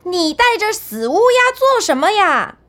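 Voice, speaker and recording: Two smug young brothers from a children's tale, sneering at their younger sibling, as a woman storyteller puts them on. They sound high and bright, with a mocking lift in their tone. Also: big pitch swings, unhurried, full character voice.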